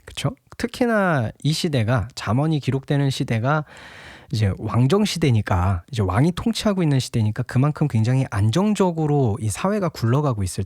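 Lively chatty man giving a Bible talk. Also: medium pitch, no room sound, studio quality. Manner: chatty, laughing often, acts out a scolding father. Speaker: devotional Bible teacher. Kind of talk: casual devotional talk.

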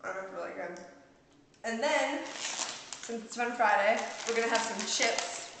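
A woman in her thirties with a fairly high, unhurried voice hosts a casual home cooking video, chatting and giggling. She's picked up by a camera mic across a large home kitchen, so the audio is echoey with some hiss.

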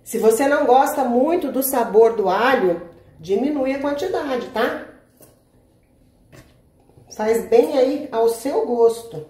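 A woman's voice: a little high, takes it slowly, long pauses, warm tone. A Brazilian woman hosting a home cooking tutorial, chatting casually with viewers and checking in with them every few words. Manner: chatty, asks "tá?" constantly, addresses viewers as "gente". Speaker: cooking channel host. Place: home kitchen, indoors. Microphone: camera mic, speaker off-camera. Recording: echoey kitchen room.

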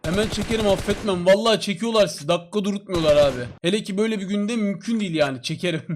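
Excitable hoarse man streaming a shooter. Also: high-pitched, quick pace, noisy background. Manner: excitable, bursts of yelps and repeated calls. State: hoarse from shouting. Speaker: mobile shooter game streamer. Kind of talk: casual live gameplay commentary.

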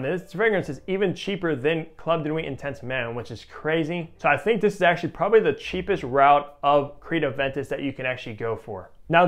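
A young man in his twenties casually reviewing a fragrance, animated and enthusiastic, with a lot of "like" fillers, on a clip-on mic. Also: a little high. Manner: animated and enthusiastic, many "like" fillers, gestures with a test strip. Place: room with shelves of perfume bottles. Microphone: small clip-on mic on shirt.

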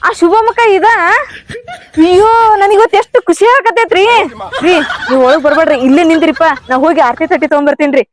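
Woman voicing a fiery, fast-talking cartoon village wife with a North Karnataka accent. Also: sits high, background noise, lightly acted. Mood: delighted. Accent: North Karnataka Kannada. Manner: scolding, rapid-fire rhetorical questions. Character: quick-tongued, nagging village wife, fiery.

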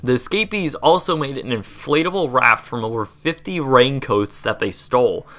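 A man's voice: medium pitch, lively intonation, normal speed, fairly bright tone. A young man hosting a casual history video, chatty and rambling, laughing and tripping over words. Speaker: host.

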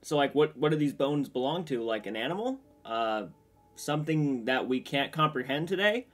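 A young man chats through his thoughts on a trailer, rambling and restarting as he goes. His voice sits at a middle pitch, with faint music underneath. He sounds close to the camera in a small room. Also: lively intonation, moderate pace, a bit bright. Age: young adult. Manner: rambling, chatty, lots of restarts and fillers. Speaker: trailer reaction channel host. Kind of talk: casual reaction commentary. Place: small room with shelves of horror collectibles.

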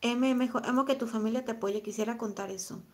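A woman with a Mexican accent, in her thirties, talking on a live stream and answering chat comments in a reflective, soft-spoken way, often repeating her phrases. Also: a little high, fairly even intonation, quick pace. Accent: Mexican Spanish. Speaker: vlogger reading live chat.

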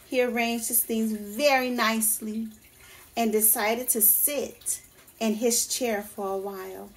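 A woman teacher reading a children's picture book aloud in a deliberate, expressive storytelling way. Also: on the high side, breathy edge, rough recording. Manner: slow, deliberate, animated storytelling for young listeners.

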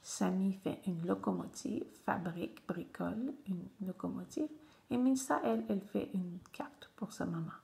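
A woman's voice: mid-range voice, normal speed, creaky, mellow. A woman teacher, patiently guiding young children through a reading lesson and repeating each word several times.

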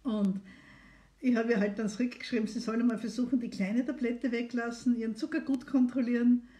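Her voice is on the high side yet dark, steady in tone and fairly quick. A middle-aged female doctor, she hosts a live stream of phone consultations, talking casually and encouragingly while inviting viewers to ring in.

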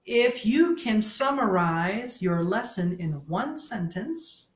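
A man's voice: high voice, sing-song, takes it slowly. A man in his thirties with a Filipino accent, giving a teaching sermon at a pulpit, switching between languages, repeating key phrases and asking questions. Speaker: pastor. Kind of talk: bilingual church teaching sermon. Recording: echoey room.

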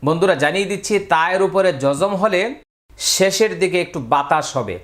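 A man's voice: high-pitched, brisk, fairly bright tone. A man with a Bangladeshi Bengali accent teaching a step-by-step reading lesson, patiently drawing out and repeating syllables for learners to copy.

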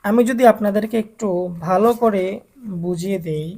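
A woman teaching Quran letter pronunciation in a step-by-step lesson with a Bangladeshi Bengali accent, slowly drilling sounds for learners to repeat. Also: medium pitch, mellow.

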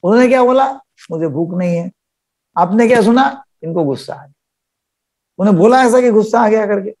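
A man's voice: high-pitched, brisk, a little mellow. An older man, a psychiatrist leading a live webinar over a video call, explaining by acting out little dialogues.

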